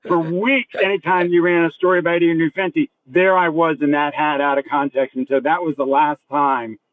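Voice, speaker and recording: A man with a slightly high voice is chatting in a car, heard through a narrow, phone-like connection. The sound is dry, and he talks casually in a self-deprecating way, like a guest telling a story. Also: flat delivery, fairly quick, no room sound. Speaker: guest reporter. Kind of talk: casual chat, telling a personal anecdote. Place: chatting in a car while commuting in rain. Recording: thin phone-like line from a car.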